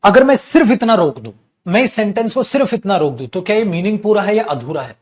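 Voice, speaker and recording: A man with a Hindi accent teaching an English grammar class online, explaining slowly and asking and answering his own questions. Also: high voice, lively intonation.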